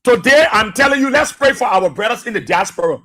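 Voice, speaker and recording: With lively intonation and a fairly quick delivery, a Liberian English–accented man runs a radio talk show. He exhorts his audience, repeats himself and leans on fillers, starting low and quiet for birthday greetings and then growing loud and preachy.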